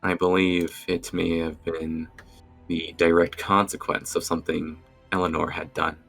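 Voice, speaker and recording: Casting: low, gravelly man running a tabletop game, bright edge, unhurried. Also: faint music behind. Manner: relaxed, hesitant narration with fillers. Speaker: game master.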